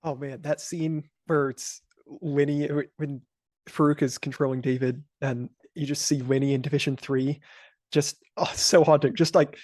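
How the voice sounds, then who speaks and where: Man, slightly high voice, dry close sound, lively podcast co-host. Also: moderate pace, dry recording. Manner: animated, acts out quoted lines and laughs. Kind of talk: casual podcast discussion.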